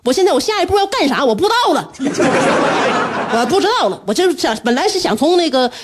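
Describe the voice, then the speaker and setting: A woman, a radio host telling a story in an animated way and laughing often. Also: very fast, heavy background noise. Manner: animated, laughing often, breaks into shrill scolding.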